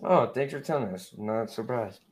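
A teenage boy chatting casually with friends over an online call, loud and teasing, laughing often. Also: medium pitch, expressive, normal speed, poor audio.

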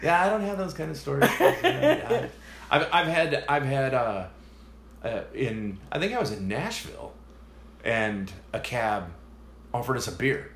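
A man's voice: medium pitch, very animated, unhurried, fairly bright tone. A man co-hosting a podcast in casual chat, chatty, laughing along and repeating yeah. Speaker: podcast co-host. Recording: echoey room with faint noise.

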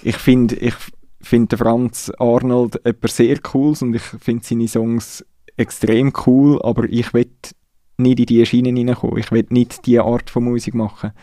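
A man's voice: medium pitch, level tone, unhurried, dark tone, dry recording, clean studio sound. A Swiss man from Nidwalden, a musician guest speaking reflectively and hesitantly in a casual interview. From Nidwalden, Switzerland. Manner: reflective, hesitant, restarts sentences.

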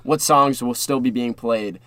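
A man's voice: medium pitch, unhurried, fairly bright tone, dry recording. A young man hosting a podcast in casual, rambling unscripted chat that often repeats phrases. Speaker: podcast host. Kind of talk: casual unscripted sports and pop culture chat.

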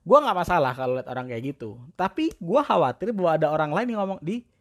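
A man's voice: on the high side, sing-song, fast talker. A young man with chatting casually in a self-deprecating monologue. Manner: chatty, slangy, self-deprecating, mimics cat-talk voices.

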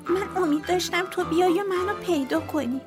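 A woman doing a soft, shy winged monster. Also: very high-pitched, over music, pitched above the performer's own voice. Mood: hopeful. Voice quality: soft and gentle. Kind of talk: storybook reading.

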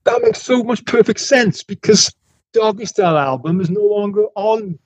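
A man from the United Kingdom co-hosting a podcast, telling stories in casual chat, excitable and laughing often. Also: sits high, moderate pace, dry recording, low-quality recording. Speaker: podcast co-host.

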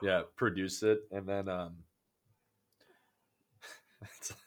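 A young man co-hosting a laid-back podcast, talking easily and laughing often. His voice sits on the lower side. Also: flat delivery, takes it slowly, crowd noise. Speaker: podcast co-host. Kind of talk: casual chat.

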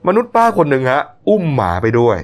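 A man's voice: on the high side, sing-song, fast, heavy background noise. A man hosting a news show, commenting on stories in a chatty, opinionated way. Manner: chatty, opinionated, lots of polite particles.

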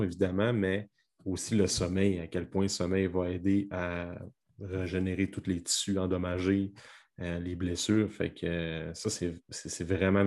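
A man's voice: sits low, a little mellow. A man with a Québécois French accent, hosting a podcast conversation, with affirming remarks and fillers. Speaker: podcast host.

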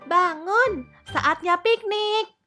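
Storybook: woman voicing a bouncy little princess girl, high, lively and sing-song, drawn out slowly. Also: faint music behind. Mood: eager. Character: excited little girl princess, eager and whiny.

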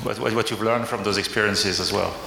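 A man moderating a conference panel, asking questions in a halting way with many restarts. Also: fairly low pitch, steady tone, vocal fry. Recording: echoey hall, faint noise.

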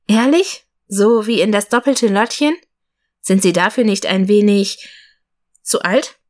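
A woman's voice: medium pitch, unhurried, natural voice. A woman reading an audiobook voices a friendly, curious female taxi driver who chats with her passenger. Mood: chatty. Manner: chatty, curious.

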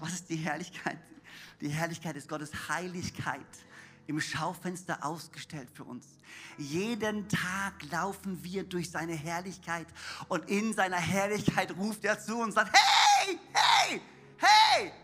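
A man preaches in a church with a very high, piercingly bright voice. He swings between near-whispered passages and loud, shouted cries, and his voice sounds worn from shouting. Faint music plays behind him. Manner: drops in English words. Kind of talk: sermon.

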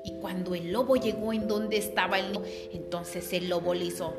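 A woman teacher telling a children's story in an expressive, dramatic way. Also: on the low side, moderate pace. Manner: expressive, dramatic read-aloud. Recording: echoey room with music behind. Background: background music.

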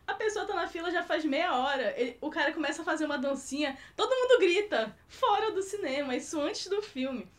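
A Brazilian woman with a high, light voice chats casually on a film podcast. She tells her anecdotes in a lively, animated way. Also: fairly quick, hardly any pauses. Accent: Brazilian Portuguese. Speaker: co-host film critic.

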